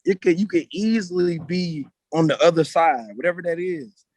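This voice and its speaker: A man's voice: on the high side, moderate pace, darkish tone, dry recording. A man guest speaker on a video call, giving an earnest, informal motivational talk.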